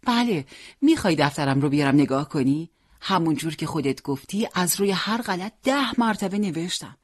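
An eager schoolgirl sister, keen to show off her studies, as an audiobook reader puts her on. The voice is lifted higher than the narration, slightly husky, and dry and close. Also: animated, no echo, lightly acted. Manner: bright and eager to please. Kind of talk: audiobook character reading.

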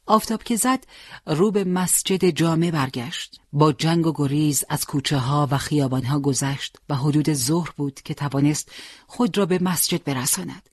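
A storyteller reads a dramatic war story in a steady, solemn voice. The pitch sits in the middle range. The recording is dry and close, with no room sound. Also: husky, dry recording.

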